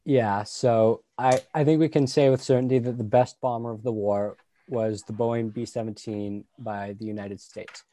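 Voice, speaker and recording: Young guy rambling casually, warm dark tone, dry close sound. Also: medium pitch, steady tone, normal speed, no echo. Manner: casual, filler-heavy, says "like" often. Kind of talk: casual discussion.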